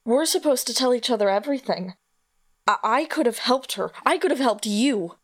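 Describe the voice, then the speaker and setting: A woman voicing a young woman raw with grief in an audio drama. She stammers and halts as she speaks. Her voice is highish and sounds dry and close. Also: animated, no room sound. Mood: angry. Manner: halting, stammering delivery.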